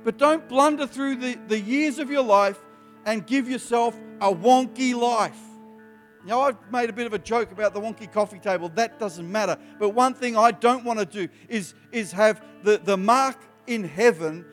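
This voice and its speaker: Man, 50s, youth preacher, high animated voice, long hall echo. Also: normal speed. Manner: animated, emphatic preaching with rising bursts. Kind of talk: sermon to young people. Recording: live hall with long reverb, soft music behind.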